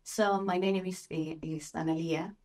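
A woman from Argentina in her thirties, a guest talking about her life in a relaxed, measured way in a sitting room. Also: lowish voice. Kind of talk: casual roundtable chat.

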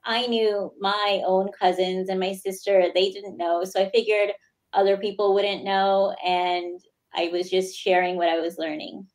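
A woman in her thirties with an American accent, speaking as a guest over a video call in a plain, steady way. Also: mid-range voice, unhurried, poor audio. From United States. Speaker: guest, lawyer. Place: small indoor room. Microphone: video call webcam.

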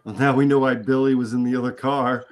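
A man's voice: medium pitch, steady tone, fast. Indian guy cracking jokes during a watch-along, faint music underneath. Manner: joking, wry asides. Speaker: host of a film watch-along. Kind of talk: casual chat.

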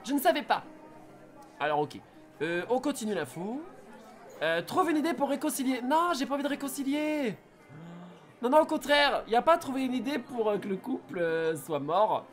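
A man's voice: extremely high pitch, expressive, normal speed, soft background music. A man chatting and joking with viewers while streaming a dating game. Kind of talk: casual live-stream commentary.

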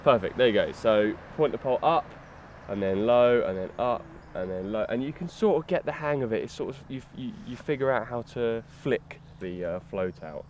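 A young man giving a lakeside fishing tutorial, explaining steps in a relaxed way with fillers as he handles his gear. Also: mid-range voice, normal speed. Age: young adult. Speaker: fishing instructor. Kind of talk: outdoor tutorial demonstration. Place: lakeside outdoors. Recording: faint outdoor noise.

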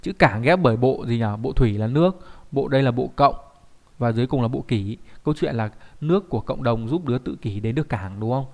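A man teaches kanji in an online lesson. His pitch sits in the middle range. He keeps checking in with the class through rhetorical questions as he explains. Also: lively intonation, fairly quick, darkish tone.

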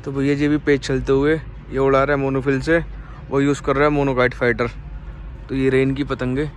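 A young man vlogging casually outdoors in an open field, calling out excitedly and laughing as he talks to people around him. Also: mid-range voice, normal speed, a little hiss or hum. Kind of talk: casual outdoor vlog commentary.

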